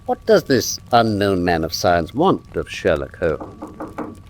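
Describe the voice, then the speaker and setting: Playing a cocky, needling gentleman sleuth in a vintage radio play, this English-accented actor speaks with exact, theatrically condescending delivery. The voice is low, slow and exaggerated, with huge pitch swings and a slight hiss or hum, and the mood is keen and dramatic.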